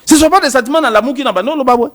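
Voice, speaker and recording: A man's voice: very high-pitched, rapid-fire, a bit bright. A man, a lawyer from Congo with a Congolese French accent, arguing politics on a talk show and switching between French and Lingala with many restarts. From Democratic Republic of the Congo.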